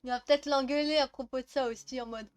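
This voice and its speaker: Une jeune femme streameuse commente sa partie de jeu vidéo sur un ton décontracté, bavarde, elle rit souvent et taquine les personnages. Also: female voice, high voice, steady tone, fast, no room sound, faint music behind. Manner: chatty, laughs often, teasing the game characters. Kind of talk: casual let's-play commentary.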